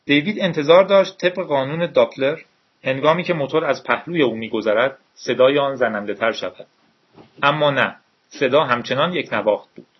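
A man with a husky, mid-pitched voice reads a novel aloud in a steady, measured way. The recording is dull and lo-fi, with a muffled top end. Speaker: audiobook narrator.

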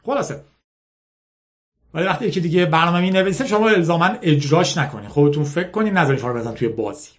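A man's voice: a little high, expressive. Frank, conversational man telling stories. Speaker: storyteller. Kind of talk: casual personal storytelling and reading aloud.

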